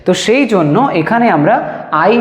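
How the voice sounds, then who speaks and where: A man teaching a spoken English lesson, explaining each sentence, then reading the examples out slowly and drawing them out. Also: sits high, animated. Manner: slow, drawn-out dictation of example sentences. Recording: echoey room with long reverb.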